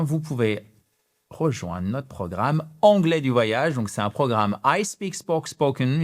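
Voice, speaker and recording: A man with a French accent hosts an animated English lesson, speaking straight to camera. He is expressive and gestures as he talks, stretching out the English example phrases and pushing their intonation up at the end. His voice sits at an ordinary middle pitch. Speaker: English teacher. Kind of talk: animated online language lesson.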